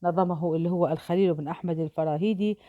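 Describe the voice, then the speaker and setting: Woman teacher dictating poetic meter slowly. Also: on the low side, steady tone, no echo, narrow, tinny audio. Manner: slow syllable-by-syllable dictation. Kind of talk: recorded grammar lesson on poetic meter.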